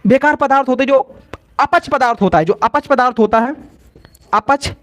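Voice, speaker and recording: Male science teacher a very high voice and a lilt, live lesson, drills each point in call-and-response. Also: moderate pace. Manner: repetitive call-and-response teaching, answering his own questions.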